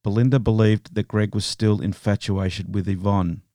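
A man hosting a podcast, narrating a true crime story in a steady, measured way. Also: fairly low pitch, no room sound, studio quality. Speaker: podcast host.

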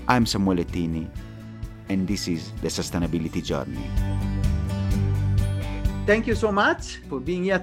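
Podcast host with a halting, eager manner. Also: male voice, on the low side. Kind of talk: interview.

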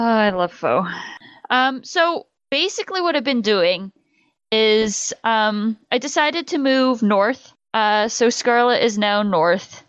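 A woman's voice: a little high, fairly bright tone, clear, resonant tone, no echo. A woman in casual podcast chat, rambling with frequent "um" and "like". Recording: slightly muffled lo-fi sound.

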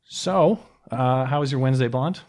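A man's voice: mid-range voice, normal speed, a little mellow. A young man hosting a call-in show, chatting casually with jokes and rambling asides. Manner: joking, rambling, self-mocking. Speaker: host.

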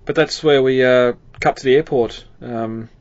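A man's voice: medium pitch, fairly even intonation, normal speed, no room sound, highs cut off. A man co-hosting a casual film podcast, rambling with lots of fillers and frequent chuckles. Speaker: podcast co-host.

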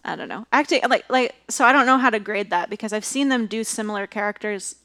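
A woman's voice: medium pitch, fast, sharp tone, no room sound. A young woman co-hosting a casual movie review podcast, chatty, with frequent laughs and fillers. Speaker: podcast co-host.

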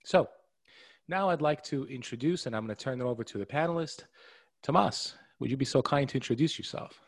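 A man's voice: medium pitch, fairly quick, dry recording. Upbeat male webinar moderator, dry sound. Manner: upbeat and welcoming, with fillers. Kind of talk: scripted-sounding webinar hosting.

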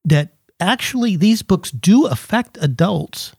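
A man's voice: high voice, lively intonation, unhurried, gravelly, darkish tone, breathy edge, dry recording, clean studio sound. A man who is a guest on a casual talk show, telling anecdotes with acted quotes and frequent restarts. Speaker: podcast guest. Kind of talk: casual chat, storytelling.

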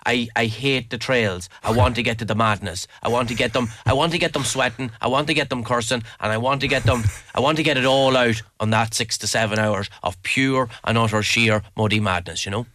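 Bright-voiced, enthusiastic Irish man. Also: medium pitch, fairly quick, few pauses, no room sound. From Leitrim, Ireland. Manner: enthusiastic, emphatic, repeats phrases for emphasis. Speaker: interview guest, mountain adventure guide. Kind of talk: casual spoken interview answers.

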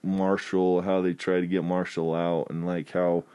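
A man in casual chat, retelling scenes with animated quoting and frequent laughter. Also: sits low, a little slow, clean tone.

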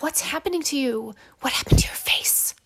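A woman's voice: sits high, expressive, moderate pace, pushed and bright, exaggerated voice. A woman playing a worried girlfriend in a script read, whispering urgently as she confronts her partner.

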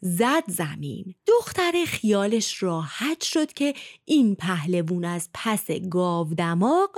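A woman narrating a folk tale in a colloquial, expressive storytelling manner into a close studio mic. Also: lowish voice, no echo.

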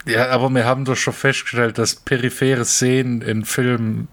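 A man in casual podcast chat about films, making dry, deadpan quips. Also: medium pitch, moderate pace. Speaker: podcast co-host.

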